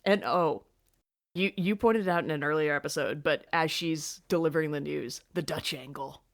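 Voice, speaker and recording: Woman podcast co-host, lower voice, casual recap chat, animated reactions. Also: normal speed. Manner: animated, rises sharply when reading her own reactions.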